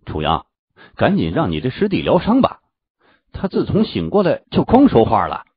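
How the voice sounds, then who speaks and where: A man's voice: mid-range voice, huge pitch swings, moderate pace, slightly rough, no echo, full character voice. A man doing a cold, weary swordsman. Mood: exasperated. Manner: weary, curt. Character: cold, aloof young male swordsman, exasperated. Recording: dull, dry lo-fi audio.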